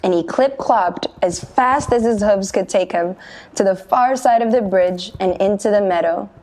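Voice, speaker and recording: A woman teacher reading a children's story aloud with expressive storytelling. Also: mid-range voice, normal speed.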